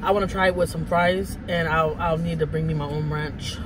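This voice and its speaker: A woman's voice: deep voice, steady tone, fairly quick, noisy background. A woman vlogger chewing food while she talks to viewers in a casual, chatty way, with a sore throat. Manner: laid-back, chatty, addresses viewers directly. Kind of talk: casual mukbang chat.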